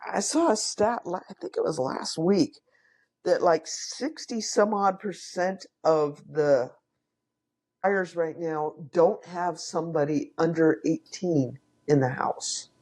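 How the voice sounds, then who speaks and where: Guy with a highish voice, jokey blunt podcast co-host. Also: slow pace, darkish tone. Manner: joking, short replies, blunt. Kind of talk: casual chat.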